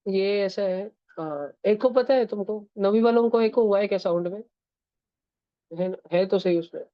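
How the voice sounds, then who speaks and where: A woman's voice: medium pitch, moderate pace, no room sound, highs cut off. A woman teaching physics in a casual classroom style that has in it. She keeps checking that her students are following. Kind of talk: classroom lecture.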